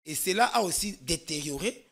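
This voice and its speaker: His voice sits on the high side, with lively intonation and a moderate pace. The man, from Congo, is a guest expert on a political talk show, explaining at length, emphatically, with many restarts.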